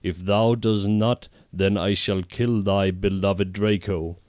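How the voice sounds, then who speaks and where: A man voicing a cruel dark lord villain who speaks in stilted, old-fashioned threats. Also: sits low, fairly even intonation, slow, dry recording, studio quality. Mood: threatening.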